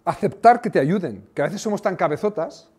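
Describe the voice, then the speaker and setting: A man, a former coach giving a motivational talk, telling lively anecdotes with sound effects. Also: high voice, fairly quick, slightly rough. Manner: animated storytelling with sound effects.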